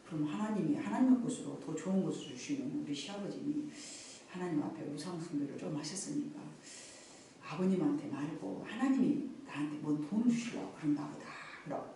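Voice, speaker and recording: A middle-aged woman pastor preaches a live Sunday sermon in a church sanctuary during worship, telling folksy stories emphatically and drawing responses from the congregation. Her voice is low and warm, captured by a distant mic in a very echoey hall with faint noise.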